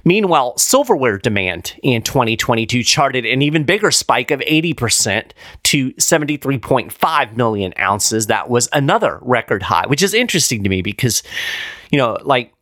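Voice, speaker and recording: A man's voice: medium pitch, big pitch swings, moderate pace, a bit bright, dry recording, clean studio sound. A man hosting a weekly precious-metals show, explaining figures in a casual, conversational way with frequent fillers. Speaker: podcast host. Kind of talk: casual market commentary.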